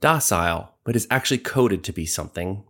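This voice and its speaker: A man co-hosting a discussion, explaining ideas in an animated way with rising emphasis. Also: lowish voice, brisk.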